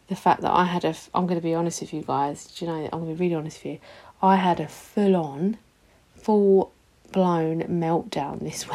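With a lowish, warm voice, this British podcast host in her thirties talks on her own in a casual, informal way, confessing things, poking fun at herself, swearing freely and frequently giggling.

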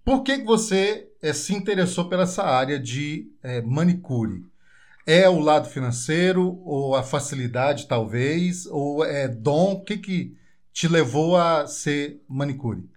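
A man's voice: on the high side, animated, unhurried. A man with a Goiás Brazilian accent hosting a podcast, chatting casually, joking and rambling. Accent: Goiás Brazilian Portuguese. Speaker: podcast host. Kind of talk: casual interview chat.

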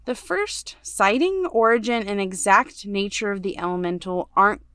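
A woman podcast host reading a ghost story aloud in a measured, storytelling way, going hushed on the dark parts. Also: medium pitch, clean tone, dry recording, clean studio sound.

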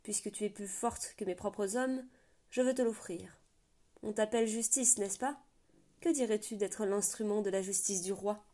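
Storybook king, calm and commanding, measured lordly delivery, a woman reading him. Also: mid-range voice, lightly acted.

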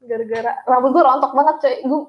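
A woman's voice: high-pitched, quick pace, dull audio. A young woman, casually telling her story in slangy talk and laughing often as an interview guest.

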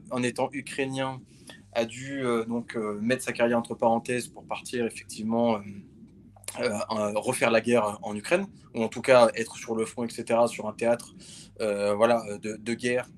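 A man's voice: medium pitch, fairly even intonation, normal speed, a little hiss or hum. A man co-hosting a podcast, leading the conversation in a casual, filler-heavy way. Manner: conversational, leads topics with fillers. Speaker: podcast co-host. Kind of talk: casual chat about boxing.

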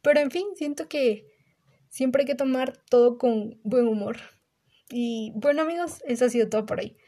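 A young woman hosting a podcast, telling a personal anecdote casually and acting out her own reactions. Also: fairly high pitch. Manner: animated, acts out her own reactions in quotes. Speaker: podcast host.

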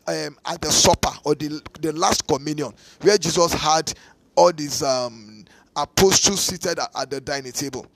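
A male preacher delivering a podcast sermon in a gravelly, husky voice pitched a little high. He preaches emphatically, repeats phrases for weight and affirms himself with short "yes" and "aha" interjections. The sound is dry and close to the mic. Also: dry recording. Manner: speaks in tongues at times.

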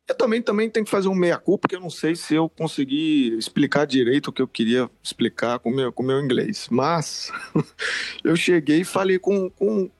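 A Brazilian man chats casually, telling a story with lots of restarts and fillers. His voice sits a little high and jumps up and down with energy, and it carries a gravelly edge. The recording is dry with no room sound. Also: a little mellow, no room sound. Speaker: freelance illustrator. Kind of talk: casual podcast conversation.

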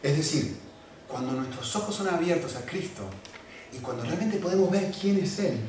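Man preaching, high lively voice, emphatic, echoey hall from afar. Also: normal speed. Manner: animated, emphatic, repeats phrases for emphasis. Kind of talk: sermon. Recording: echoey room from far off, faint background noise.

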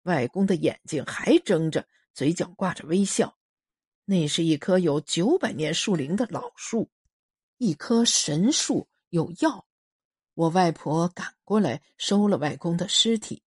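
A woman narrating a story aloud in a calm, measured storytelling manner. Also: fairly low pitch, husky, dry recording, studio quality.

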